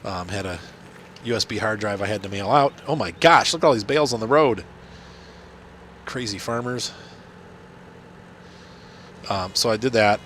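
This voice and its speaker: Pausing often at a normal speed, this middle-aged man hosts a gaming channel and chats loosely while he plays. A cold makes his low, slightly bright voice nasal, and his rambling talk is packed with fillers and restarts over faint background noise.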